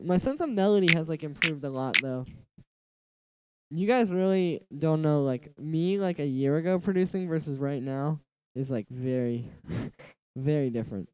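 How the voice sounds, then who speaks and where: A young man with a fairly high, nasal voice talks at a normal speed in a smooth way, rambling casually on a livestream and saying "like" constantly while he works on a music track. Faint music from that track plays underneath. The recording is dry yet rough.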